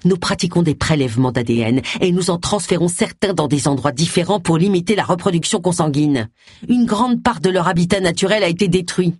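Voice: medium pitch, animated, brisk, a little mellow, breathy edge, dry recording, studio quality. A reader voicing an earnest young snake expert. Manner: earnest, lecturing.

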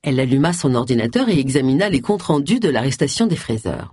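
Expressive, husky audiobook narrator. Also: medium pitch, fast, no echo, clean studio sound. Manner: expressive, varied delivery.

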